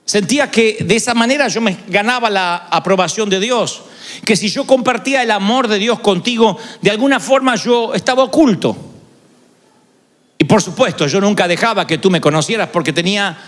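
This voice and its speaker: A man's voice: high-pitched, a bit bright. A man preaching a sermon in a large hall, dramatic and storytelling, acting out quoted voices. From Argentina. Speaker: pastor. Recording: large hall with long reverb.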